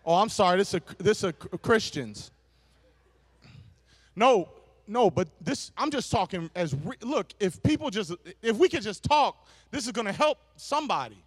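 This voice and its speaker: A male preacher delivering a sermon to his congregation, emphatic and repetitive, calling out to the audience and breaking into shouts. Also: sits high, lively intonation, normal speed, husky. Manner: emphatic, repeats phrases, bursts into shouts; talks directly to the audience.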